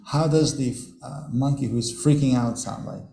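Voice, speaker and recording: A man's voice: mid-range voice, normal speed, gravelly, dark tone, reverberant, poor audio. A man giving a devotional scripture class, telling stories to his audience, chuckling often and repeating his words. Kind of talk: devotional class talk with storytelling. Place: temple hall.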